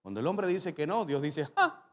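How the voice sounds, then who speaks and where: A male pastor preaching a sermon, telling stories with animation and rising to sudden loud climaxes. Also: on the high side, big pitch swings, fairly quick.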